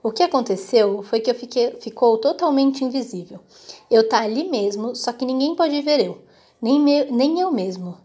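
A woman reading a children's book aloud in a lively, expressive way. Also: on the high side, normal speed. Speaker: reader.

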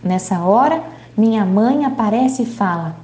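A woman's voice: medium pitch, lively intonation, a little slow, mellow, reverberant, natural voice. A woman reading aloud as a young boy who tells his dream in broken, childlike grammar. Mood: dreamy.

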